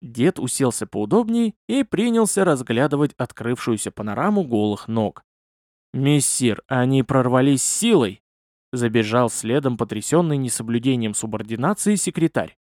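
Expressive male audiobook narrator. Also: medium pitch, moderate pace, few pauses, no echo, clean studio sound. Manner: expressive, lively storytelling. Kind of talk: scripted first-person narration.

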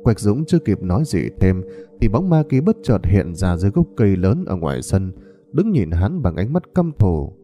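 Dark-voiced male ghost story narrator. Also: on the low side, normal speed, soft background music. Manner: dramatic, expressive.

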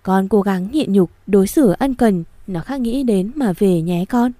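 A sorrowful older mother from the countryside, speaking low and near tears, as a woman reading the story puts her on. Her voice is mellow and warm. The sound is dry and close to the mic. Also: expressive, measured pace, dry recording, close to an everyday voice. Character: older rural mother, sorrowful and old-fashioned.

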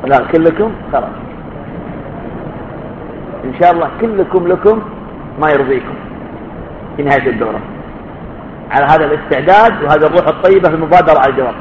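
In a study-course lecture hall, a man teaches students a religious lesson in a fairly high, expressive voice, moving quickly but pausing often. He's emphatic, loves rhetorical questions and sometimes calls on listeners to answer. The echoey, dull lo-fi recording carries background noise.

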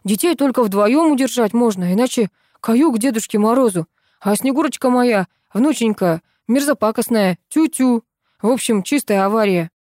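A woman's voice: a little high, expressive, moderate pace, darkish tone, no echo, studio quality, pitched above the performer's own voice, natural voice. A woman voicing a lazy, whiny male hired Santa who grumbles in slang, in an audiobook reading. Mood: grumbling.

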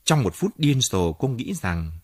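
A man narrating an audiobook story in an expressive reading voice. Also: mid-range voice, unhurried, breathy edge, no echo, clean studio sound.

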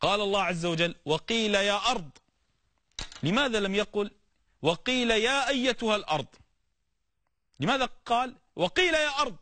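A man preaching a sermon on the prophets, animated and explanatory, often urging the listener to listen and giving everyday examples. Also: high-pitched, moderate pace, pauses often, no room sound.

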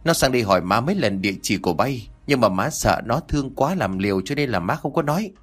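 A man's voice: mid-range voice, animated, quick pace, slightly rough. A man voicing a talkative, worried old country mother on the phone in an audiobook. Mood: fussing. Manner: chatty, fussing.

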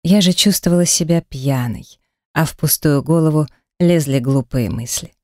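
A woman narrating a first-person romance audiobook in an intimate, breathy manner on a close studio mic. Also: sits low, normal speed, mellow, no room sound.

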